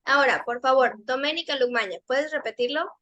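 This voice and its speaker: High, bright-voiced woman teaching pronunciation. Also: brisk, dull audio. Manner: patient, explains step by step and repeats model words. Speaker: English teacher. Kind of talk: pronunciation lesson for kids and teens.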